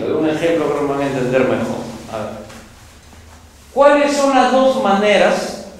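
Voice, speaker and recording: A man from Peru teaching a law class, emphatic and animated, often checking that students follow. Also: a little high. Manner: emphatic, animated, asks listeners if they follow. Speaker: law lecturer. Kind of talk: classroom lecture. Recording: very echoey classroom, voice far from mic, faint noise.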